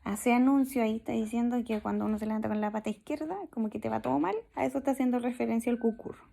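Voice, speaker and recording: A Chilean woman teacher reading a story to her class in an online lesson, stopping to explain new words with everyday examples. Her voice sits a little high, with a noticeable gravelly texture and a mellow, rounded tone. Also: fairly even intonation, rapid-fire. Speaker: primary school teacher.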